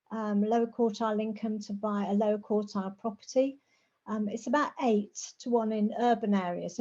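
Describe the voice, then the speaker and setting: Mature woman who says w for r, muffled audio. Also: on the high side. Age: middle-aged or older. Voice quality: says w for r, soft r sounds. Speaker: guest speaker, rural housing specialist. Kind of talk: informal online presentation. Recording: dull, lo-fi call audio.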